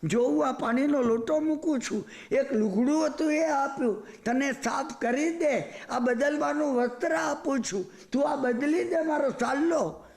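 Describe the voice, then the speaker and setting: High gravelly guy preaching a story, lively asides to the crowd, echoey room. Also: unhurried. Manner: animated, rhetorical asides to the audience. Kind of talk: storytelling sermon.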